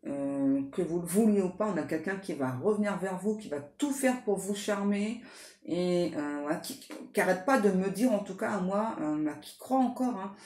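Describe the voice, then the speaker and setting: A woman's voice: lowish voice, a little mellow, reverberant. A woman doing a casual tarot card reading, talking in a chatty way full of fillers and restarts.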